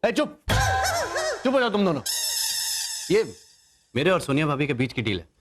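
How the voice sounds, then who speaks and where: Casting: sheepish, lively young husband, slightly high voice, TV serial. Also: male voice, moderate pace, over music. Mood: eager. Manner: sheepish, excited about football. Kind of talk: TV serial acting.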